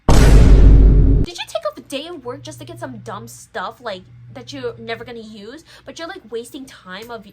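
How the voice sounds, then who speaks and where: Young woman, about twenty, high-pitched, chatty vlogger who lectures and rambles, faint noise behind her. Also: dark tone, low-quality recording. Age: young adult. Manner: rambling, lecturing, many fillers and restarts. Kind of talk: casual chat.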